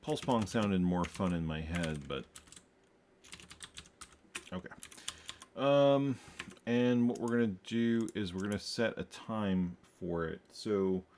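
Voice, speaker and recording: Over faint keyboard clicks and slight background noise, a man streams his programming, talking slowly in a low-pitched, slightly mellow voice. He thinks aloud, adds wry remarks and keeps correcting himself.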